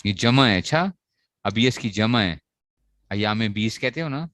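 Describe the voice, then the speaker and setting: A man's voice: on the low side, lively intonation, measured pace, fairly bright tone, no echo. A man teaching a grammar lesson to students, asking questions and answering them himself as he repeats the key points. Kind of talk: classroom lecture on Arabic grammar.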